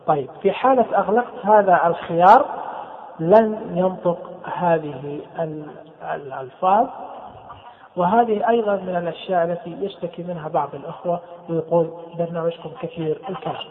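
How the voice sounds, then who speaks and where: A man, walking listeners through software settings step by step and repeating key terms. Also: high-pitched, a little fast. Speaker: instructor. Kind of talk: screen-reader software tutorial. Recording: tinny phone-like sound with long reverb.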